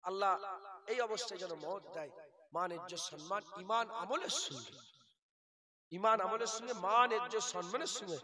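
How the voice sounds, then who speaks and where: A man's voice: sits high, moderate pace. A man, preaching a sermon and putting questions to the crowd in a repetitive, sing-song way. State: hoarse. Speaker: preacher at a religious gathering. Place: outdoor religious gathering.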